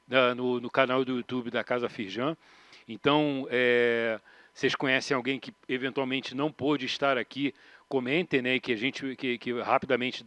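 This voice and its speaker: A man's voice: mid-range voice, dry recording. A man with a Brazilian Portuguese accent moderates a panel, summing up the conversation in a loose, hesitant way with many restarts. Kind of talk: panel discussion wrap-up.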